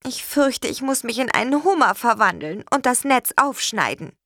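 A woman voicing a feisty young apple witch who speaks in high, indignant bursts. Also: lively intonation, moderate pace, a bit bright, no room sound, clean studio sound. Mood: worried.

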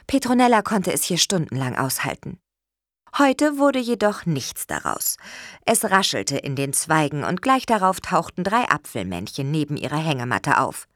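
A woman reading a children's storybook aloud in a gentle, expressive way. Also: deep voice, moderate pace, no echo, studio quality. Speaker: narrator.

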